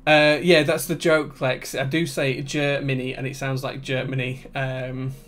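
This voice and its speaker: A man with a broad Yorkshire accent chatting casually as he hosts a livestream, relaxed and conversational. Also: mid-range voice, measured pace. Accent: broad Yorkshire English. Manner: relaxed, conversational, reading out chat comments. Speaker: livestream host and keyboard builder.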